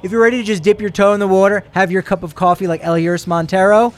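A man's voice: high voice, steady tone, quick pace. A man co-hosting a sports show, chatting casually and rambling through sponsor plugs with jokey asides.

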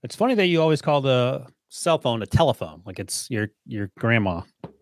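A man's voice: mid-range voice, big pitch swings, fairly quick, no room sound. A man in his forties co-hosting a sports podcast, with dry and sarcastic humor. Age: 40s. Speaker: podcast co-host. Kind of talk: casual sports podcast banter.

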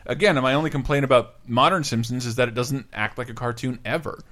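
A man's voice: medium pitch, quick pace, a bit bright. A man co-hosting a podcast, giving opinionated commentary in casual conversation. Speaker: podcast co-host.

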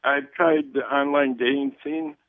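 A shy man in his forties calling in over the phone, speaking haltingly with restarts. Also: mid-range voice, fairly even intonation, no room sound. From United States. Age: 40s. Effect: heard over a phone line. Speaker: caller. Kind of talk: call-in advice request. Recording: tinny phone line.

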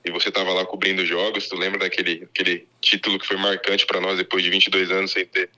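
A man's voice: low voice, monotone, quick pace, bright, forceful tone. A man calling in over a phone on speakerphone, chatting in a friendly way and telling stories with lots of fillers. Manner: friendly, storytelling with many fillers. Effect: heard over a phone on speakerphone. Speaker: phone-in guest, former teammate. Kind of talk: casual chat.

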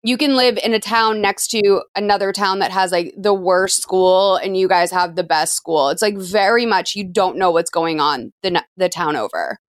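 A woman's voice: medium pitch, normal speed, few pauses, dry recording. A woman hosts a podcast in a loose, chatty way, firing off curious follow-up questions. Her voice sits mid-range and sounds close and dry, with no room around it. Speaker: podcast host. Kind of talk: casual chat.

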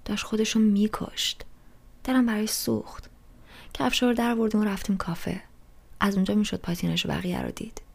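A woman's voice: mid-range voice, gravelly, a little mellow. A woman reading a novel aloud in a plain, conversational first-person storytelling manner. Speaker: audiobook reader.

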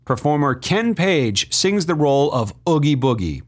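A man's voice: on the high side, sing-song, normal speed. A man hosting a film music show, giving enthusiastic scripted analysis in a chatty, emphatic, appreciative way.

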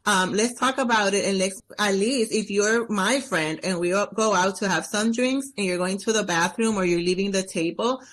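Female podcast guest, earnest and insistent, average pitch. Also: normal speed, hardly any pauses, a bit bright. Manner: earnest, urgent, repeats key points. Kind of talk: casual interview talk.

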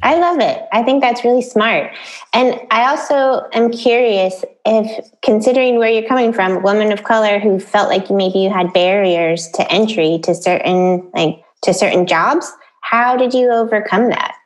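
A woman's voice: mid-range voice, moderate pace, low-quality recording. Woman interviewer; curious, friendly, casual chat, mid voice. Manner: friendly, curious, laughs along. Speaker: interviewer host.

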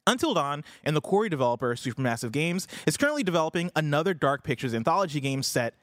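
A man's voice: on the high side, sing-song, fast, a bit bright, no room sound. A man hosting a show, moving between casual chat and reading news with an enthusiastic manner. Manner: enthusiastic, sweary. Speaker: show host.

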